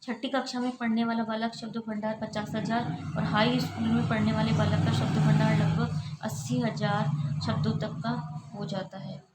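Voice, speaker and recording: A woman's voice: a little high, darkish tone. A woman who is an assistant professor, giving a recorded college lecture and going steadily through lists of examples. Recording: echoey room with faint ambient noise.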